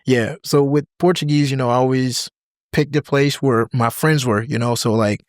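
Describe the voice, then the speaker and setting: A young adult from the United States, here as a podcast guest, talks loosely and relaxed in a casual interview, packing in "like" and "you know" and sometimes switching languages. His mid-range voice moves at normal speed on a dry recording.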